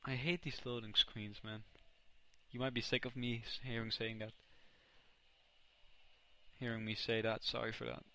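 A young Dutch man with a Dutch accent does casual let's play commentary on his own video game match. He's excitable, often corrects himself and reacts loudly to plays. His pitch is medium and his pace moderate, with long pauses.

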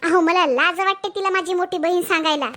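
A spoiled, boastful younger sister from a cartoon family drama, acted by a woman. She talks with a sharp, scornful tongue. The voice is very high. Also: fairly even intonation, brisk.

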